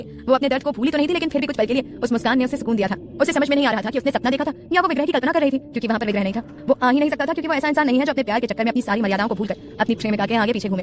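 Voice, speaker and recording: Fast-talking woman narrating a romance. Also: sits high, a little hiss or hum. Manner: rapid, dramatic storytelling. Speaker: audiobook narrator.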